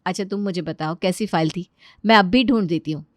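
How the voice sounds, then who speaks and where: A woman's voice: lowish voice, brisk, no echo, studio quality, natural voice. A woman voicing a scheming young daughter-in-law in a cartoon story who speaks sweetly and laughs slyly. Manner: sly laughter, sugary politeness.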